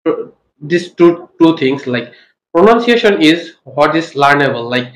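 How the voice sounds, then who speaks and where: A young Bangladeshi student answers in very slow, halting English, pausing often to find words. His voice is slightly high. The classroom sound is echoey. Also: very animated. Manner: halting English with pauses, occasional coughs.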